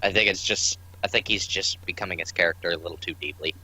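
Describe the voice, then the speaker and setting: A man's voice: deep voice, steady tone, fast, pushed and bright, a little hiss or hum, low-quality recording. A man playing a tabletop game in casual chat, making short dry remarks.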